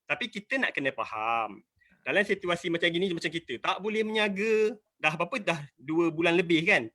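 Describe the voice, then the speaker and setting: Malaysian man in his 40s, high and bright voice, entrepreneur pleading his case on a video call. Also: lively intonation, brisk. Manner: emphatic, rambling, repeating himself. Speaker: entrepreneur asking questions. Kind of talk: earnest appeal in an online business talk.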